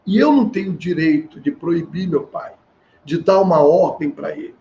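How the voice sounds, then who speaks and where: A middle-aged man with a notably high voice speaks as a family therapist at a seminar. He talks earnestly and slips into the voices of the people in his stories. The recording sounds a little dull, with a faint hiss underneath. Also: normal speed, mellow. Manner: earnest, acts out quoted dialogue. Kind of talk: storytelling seminar talk.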